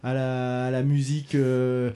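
A man's voice: mid-range voice, completely flat delivery, a little slow, mellow, clean tone. A man from Normandy hosting a podcast, interviewing an artist at a festival with a hesitant, chatty delivery full of fillers. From Normandy, France. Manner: hesitant, friendly, many fillers. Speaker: podcast host. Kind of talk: casual interview. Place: outdoor music festival.

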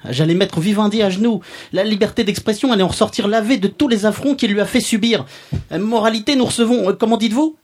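A man with a high-pitched, fast voice plays a pompous, sardonic podcast columnist in a mock-serious comic roast. Smug and mocking, he keeps up a mock-pompous, sardonic manner and chuckles at his own jokes.

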